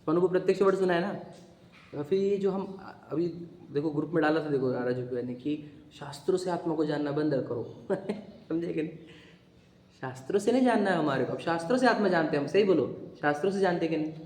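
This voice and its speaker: In an echoey hall, a man leads an interactive religious philosophy class, quizzing students and repeatedly asking whether they understood. His voice is a little high with a darkish tone, and his pace is brisk.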